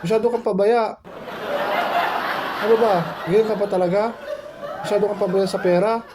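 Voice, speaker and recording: A man's voice: sits high, fairly even intonation, normal speed. A man performing a comic sketch, bickering in an exasperated, mocking way. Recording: loud crowd and noise behind. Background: loud crowd laughter.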